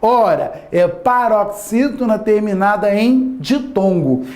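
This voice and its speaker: Taking it slowly, a man teaches Portuguese grammar in a high-pitched, slightly mellow voice with lively intonation. He keeps throwing rhetorical yes-or-no questions at his listeners and lengthens key words for emphasis.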